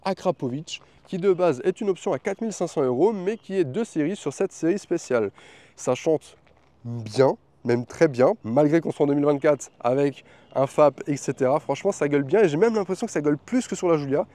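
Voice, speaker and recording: A man's voice: on the high side, animated, brisk, mellow, no room sound. A man presenting a chatty, enthusiastic car review, talking from the driver's seat and then beside the car.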